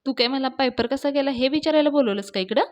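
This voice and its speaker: A woman's voice: high voice, fast talker, voice pushed up, close to an everyday voice. A woman voicing an eager, naive young male college student while recapping a TV serial.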